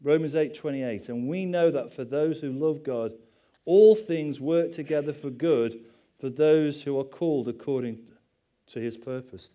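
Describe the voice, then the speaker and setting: A middle-aged man delivers a sermon as a pastor. He talks in a chatty, anecdotal way, with wry jokes at his own expense. His voice sits slightly higher than most men's. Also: measured pace, warm tone. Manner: conversational preaching with asides and self-deprecating humor.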